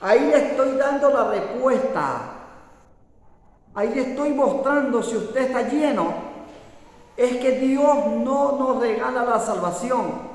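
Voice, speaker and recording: A man pastor preaching a sermon, scolding and emphatic, often breaking in with hallelujahs. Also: very high-pitched. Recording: echoey hall reverb.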